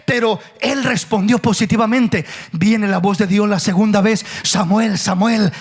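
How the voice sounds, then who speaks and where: High-voiced pastor preaching a sermon. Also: male voice, steady tone, normal speed. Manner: preaching with questions and acted quotes.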